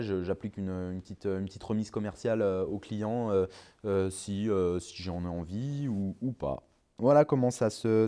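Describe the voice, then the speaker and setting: A man's voice: medium pitch, darkish tone. A man hosting his car detailing channel, answering viewer questions in a casual, hesitant way with many fillers and restarts. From France. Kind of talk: casual vlog Q&A.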